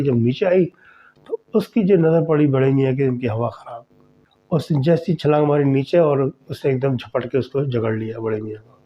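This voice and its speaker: A man tells a horror story in a conversational, animated way, as a podcast host. His voice sits at an ordinary middle pitch. The audio is slightly dull and muffled.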